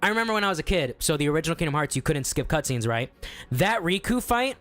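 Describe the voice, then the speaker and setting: A young man chatting casually as a guest, excitable, swearing freely and laughing often. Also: a little high, fast, soft background music. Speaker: guest musician and streamer. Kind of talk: casual podcast chat.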